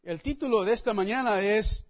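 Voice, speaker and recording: A man preaching a sermon, reading scripture and praying in a slow, deliberate way with emphatic pauses. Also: sits high, highs cut off. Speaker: pastor.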